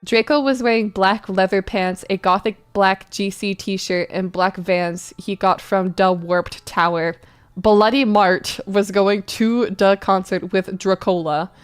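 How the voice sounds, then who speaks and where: In a clear, resonant, steady mid-range voice, a woman streamer gives a melodramatic rendition of clumsy fan fiction. She plays it big and theatrical, pronouncing the typos just as they appear.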